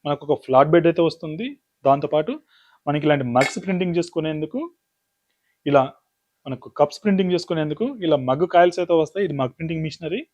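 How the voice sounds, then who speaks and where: A man runs a hands-on product demonstration, listing items and steps in quick succession. His voice sits slightly high, and he talks at a very rapid clip. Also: a little mellow. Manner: rapid explanatory, lists items step by step. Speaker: business demo presenter.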